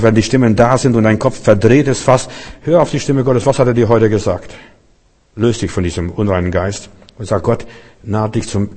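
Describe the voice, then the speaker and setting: A man's voice: on the low side, a little mellow. A male pastor preaching a sermon and leading a closing prayer, emphatic and repetitive, speaking straight to his listeners. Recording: long hall reverb.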